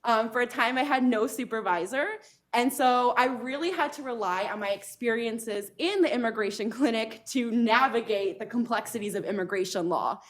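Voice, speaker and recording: A woman's voice: fairly high pitch, moderate pace. A woman law professor introducing herself at a panel event, speaking earnestly with frequent ums. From United States. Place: lecture hall event.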